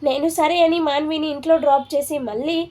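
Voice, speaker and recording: A woman's voice: sits high, fairly even intonation, a little fast, warm tone, natural voice. A woman voicing a frightened young man who confesses what he did in a read-aloud story. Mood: confessing. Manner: pleading, fearful.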